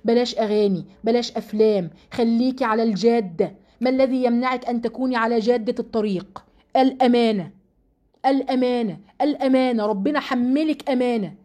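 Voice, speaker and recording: Egyptian woman, Quran lesson teacher, mellow voice, earnest, stresses words slowly. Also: on the high side. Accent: Egyptian Arabic. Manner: earnest, emphatic, repeats key words slowly. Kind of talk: religious lesson to women.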